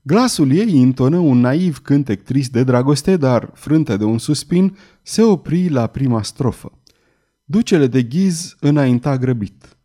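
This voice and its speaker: Guy reading an old adventure novel, dramatic and expressive, mellow voice. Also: medium pitch. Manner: expressive, theatrical. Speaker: narrator. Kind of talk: dramatic audiobook narration.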